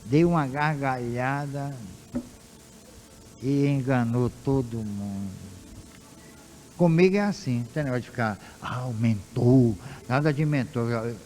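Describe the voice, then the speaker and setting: A Brazilian man with a dark, mellow voice teaches an informal class. He speaks animatedly, turning to his listeners with rhetorical questions. He acts out quoted exchanges as he goes. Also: medium pitch, unhurried, pauses often, low-quality recording. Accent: Brazilian Portuguese. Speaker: spiritist lecturer and researcher.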